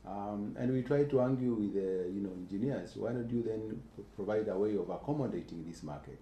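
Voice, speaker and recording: A man giving an answer at a panel discussion, earnest and halting with many fillers, recorded in an echoey lecture room. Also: lowish voice, lo-fi sound. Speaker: keynote speaker on urban planning. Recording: echoey room, faint hiss.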